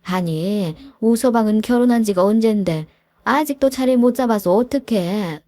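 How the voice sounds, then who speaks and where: A woman's voice: medium pitch, normal speed, dark tone, no room sound, natural voice. A woman voicing a blunt, worried middle-aged mother who scolds her son-in-law in a storybook reading. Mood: scolding. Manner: blunt, nagging questions.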